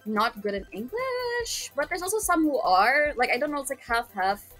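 A woman's voice: sing-song, normal speed, fairly bright tone, rough recording. A young woman from the Philippines with a cute, girlish anime-style way of talking, chatting casually and hesitantly while gaming. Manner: high, cute anime-girl voice, giggly and hesitant. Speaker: voice actress playing as paid gaming companion. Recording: music bed behind the voice.

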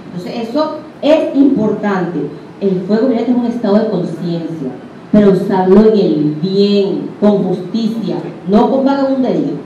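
A woman's voice: mid-range voice, expressive, measured pace, warm tone, a little hiss or hum. Venezuelan woman teaching in an echoey room. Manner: conversational, questions the audience directly. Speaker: metaphysics group teacher. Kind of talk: teaching talk to a group. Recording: echoey room, distant dull mic.

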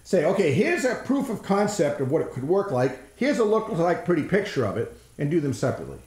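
A man giving an energetic, blunt, folksy presentation on innovation, sometimes swearing for emphasis. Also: fairly high pitch, brisk, roomy sound. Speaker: innovation trainer.

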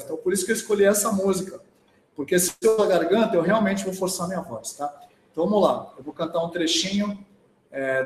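A man's voice: high voice, a little mellow, roomy sound, slight background noise. A man with a Brazilian Portuguese accent who teaches singing, giving a chatty live talk full of "né?" tags. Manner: chatty, often tags sentences with "né?". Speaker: voice teacher and singer.

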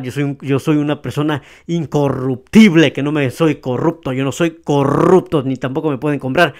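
A man's voice: medium pitch, a little mellow. A man with a Mexican Spanish accent, ranting and hurling insults in a reaction video, repeating himself heatedly. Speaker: YouTube troll commentator.

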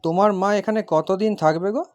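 An actor playing a suspicious young husband who speaks haltingly and warily. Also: male voice, sits high, dull audio, lightly acted. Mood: uneasy. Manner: halting, wary.

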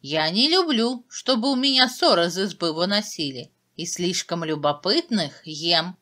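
Woman playing stern old witch Baba Yaga, animated. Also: lowish voice, unhurried. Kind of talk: fairy tale storytelling.

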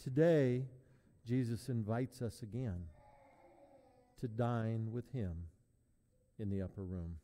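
A man serving as pastor, leading a sermon and communion in a measured, prayerful cadence, his voice ringing with a long echo in a large church. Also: on the low side, mellow. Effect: long echoing church reverb. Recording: long reverb in a large hall.

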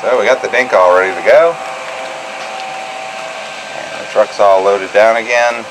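A man's voice: on the low side, measured pace, background noise. A man co-hosting a sailing vlog, narrating in a matter-of-fact way. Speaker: vlog co-host, husband.

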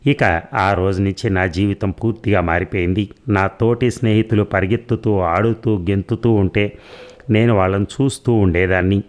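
A man reading an audiobook story aloud in a measured, even storytelling manner. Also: fairly low pitch. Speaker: audiobook narrator. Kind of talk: scripted audiobook narration.

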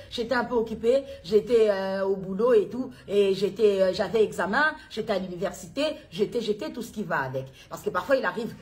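A worried middle-aged mother from Congo, filmed at home on a phone, recounting events in a halting way with many restarts. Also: mid-range voice. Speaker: worried mother making an appeal. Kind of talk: personal appeal video. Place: home interior, indoors. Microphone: phone at arm's length.

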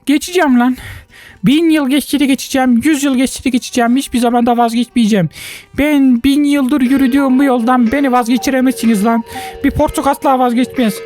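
A woman hosting a gaming video, giving excitable let's-play commentary, exclaiming often and talking straight to her viewers. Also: high-pitched, fast talker, faint music behind.

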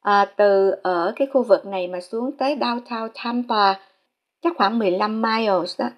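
Narrating a casual house tour, this Vietnamese real estate vlogger shows viewers a listing and a map, talking politely and using lots of fillers. Her pitch is medium and her pace moderate.

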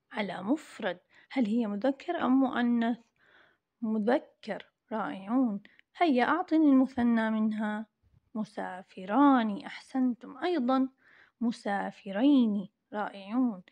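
A woman teacher reviewing grammar for young pupils, drawing words out slowly and praising often in a recorded lesson. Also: fairly high pitch, lo-fi sound. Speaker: primary school teacher.

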